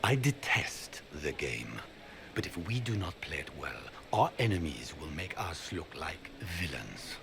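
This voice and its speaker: Speaking slightly slowly in a rumbling low, sing-song voice, a charming, conniving middle-aged grand duke lays on the persuasion with theatrical emphasis. The cutscene line is heavily acted, and the background is noisy.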